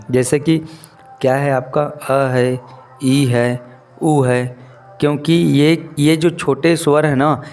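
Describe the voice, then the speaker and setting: A male teacher giving a lesson, who asks his students questions, answers them himself and repeats key terms slowly. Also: on the high side, a little mellow. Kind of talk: classroom-style lesson.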